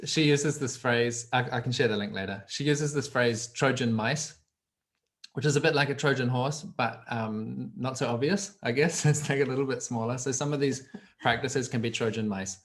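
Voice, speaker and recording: A man's voice: mid-range voice, moderate pace. New Zealand man explaining on a call. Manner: meandering, restarts phrases as he thinks. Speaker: trainer. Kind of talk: casual explanation on a group call. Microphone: video call.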